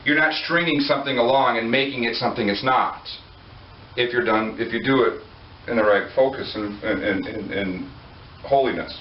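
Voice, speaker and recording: The recording, dull and lo-fi, comes from an echoey room with the speaker far from the mic and a little hiss or hum. He's a man of medium pitch speaking at a moderate pace. He preaches to his congregation in a chatty way, joking and asking them questions.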